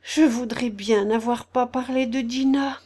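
A woman's voice: sits high, expressive, unhurried, darkish tone, voice pushed up. A woman voicing Alice, a curious, polite young girl who talks earnestly and a little apologetically. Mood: sad. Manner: eager, earnest, slightly apologetic.

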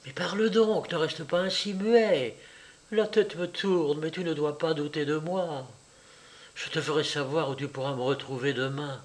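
A man reading an audiobook, voicing a passionate, nervous young woman who switches between hushed urgent whispers and bright raised chatter. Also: on the high side, fairly even intonation, moderate pace, close to an everyday voice.

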